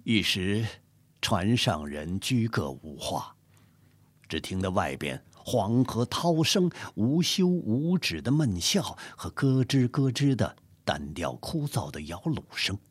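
Sex: man. Style: storybook narration. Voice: husky, dry close sound, very lively pitch. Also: takes it slowly, dry recording. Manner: expressive, dramatic reading.

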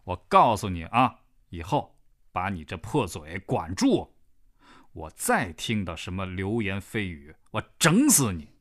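A man's voice: on the low side, fairly quick, slightly rough, no echo, studio quality. A man reading an audiobook, voicing a hot-tempered male restaurant worker who threatens a coworker. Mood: threatening. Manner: loud, menacing, bullying.

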